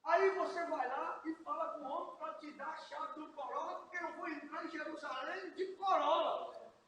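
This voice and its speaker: A man voicing Jesus as a calm, commanding adult man in a plain instructing tone, within a sermon. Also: very high-pitched, moderate pace, a little hiss or hum. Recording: echoey hall, mic far off.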